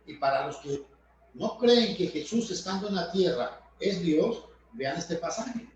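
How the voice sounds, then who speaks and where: A man's voice: high voice, animated, measured pace, distant mic. Emphatic male preacher in echoey room. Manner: emphatic, addresses listeners as brothers and friends. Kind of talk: sermon.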